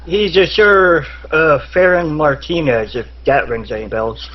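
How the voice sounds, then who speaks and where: A man with a slightly high voice speaks earnestly in character during a tabletop game. The audio is dull and lo-fi. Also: unhurried. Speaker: player. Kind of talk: casual tabletop game chat. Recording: dull lo-fi online recording.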